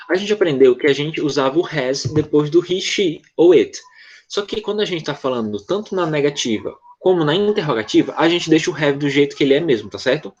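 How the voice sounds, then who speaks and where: A Brazilian man with a Brazilian Portuguese accent teaches an online English lesson explained in Portuguese, patiently going over a grammar rule and checking often that students follow. His voice is a little high. The audio has its highs cut off and a little hiss or hum.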